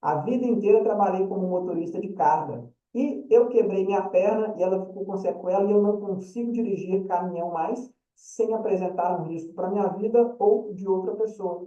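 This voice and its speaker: A man's voice: sits high, mellow. Chatty man lecturing, roomy sound. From Brazil. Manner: chatty, keeps checking in with the audience. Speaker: lawyer teaching a short course. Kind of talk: informal lecture. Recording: dull, roomy, distant mic.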